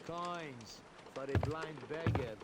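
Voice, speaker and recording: A meek blind old beggar. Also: male voice, fairly high pitch, very noisy. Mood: pleading. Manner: slow, pleading and humble.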